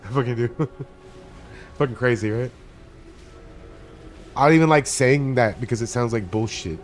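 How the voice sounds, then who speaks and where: Chatting casually and with plenty of profanity, a Miami man streams a game in a mid-range voice at normal speed, rambling across topics. Game music and slight background noise fill the backdrop.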